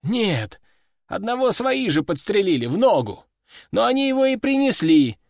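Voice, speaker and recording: A matter-of-fact army sergeant delivering his report in a formal, dutiful tone, as a male narrator puts him on. The voice sits high and swings widely in pitch, with a dry, close storybook sound. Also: big pitch swings, moderate pace, creaky, dry recording, exaggerated voice.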